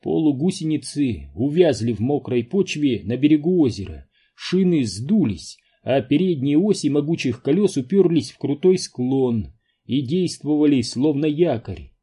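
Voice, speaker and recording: Dark-voiced male audiobook narrator. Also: a little high, very animated, normal speed, breathy edge. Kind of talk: audiobook reading.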